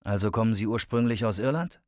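A man voicing a guarded, deadpan young ex-convict in an audiobook, speaking low and subdued. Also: quick pace, no echo, clean studio sound, natural voice. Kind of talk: audiobook character voice.

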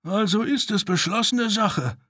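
A man's voice: high-pitched, unhurried, a bit bright, husky, dry recording, studio quality, voice pushed up, exaggerated voice. A man voicing a blunt, wry male undertaker in a noticeably raised voice. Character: dry, grumbling male undertaker.

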